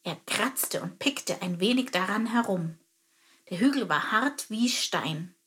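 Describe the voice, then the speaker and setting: A woman reads a children's story aloud in a calm, even storytelling manner. Her voice sits at an ordinary middle pitch for a woman. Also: a little slow. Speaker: narrator. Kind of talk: scripted narration of a children's story.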